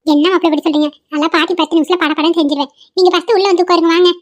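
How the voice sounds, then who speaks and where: A woman's voice: very high voice, fairly even intonation, rapid-fire. A woman voicing a grumbling old grandmother. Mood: fussing. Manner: lamenting, grumbling monologue. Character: grieving elderly grandmother, scolding, sentimental. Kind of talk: cartoon voice acting.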